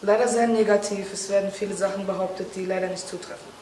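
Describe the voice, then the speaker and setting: A twenty-three-year-old woman from Berlin answering interview questions fluently and calmly. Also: mid-range voice, brisk. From Berlin, Germany. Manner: fluent, composed. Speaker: local youth council member. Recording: roomy, distant mic, faint noise.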